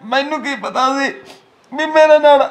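An actor playing a frightened young village man, crying and pleading, with a Malwai Punjabi accent. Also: extremely high pitch. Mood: tearful. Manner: tearful, pleading, halting. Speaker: nephew in a family drama. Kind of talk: web series acting.

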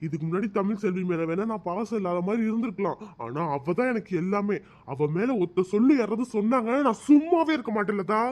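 A man voicing an angry, protective middle-aged village father in a cartoon, loud and scolding. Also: high voice, lively intonation, a little fast. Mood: tender. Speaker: father of the bride.

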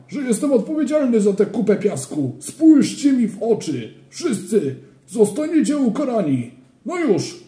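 A man voicing an angry school supervisor shouting orders at children in a storybook reading. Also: sits high, pitched above the performer's own voice. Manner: barking orders. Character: stern adult school supervisor, furious. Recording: roomy echo.

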